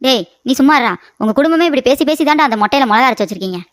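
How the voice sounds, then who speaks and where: A woman voicing a fast, shrill, scolding mother-in-law. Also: animated, dry recording, clean studio sound. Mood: indignant. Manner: rapid scolding, complains of knee pain. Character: scolding sharp-tongued older mother-in-law. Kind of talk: animated storybook voice acting.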